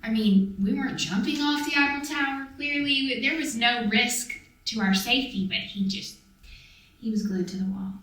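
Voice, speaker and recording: A woman's voice: on the high side, normal speed, fairly bright tone. A woman in casual, reflective conversation who strings her thoughts together in long, flowing sentences. She sits well back from the microphone, and her voice fills a very echoey room. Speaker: vlog co-host. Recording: echoey room, distant mic.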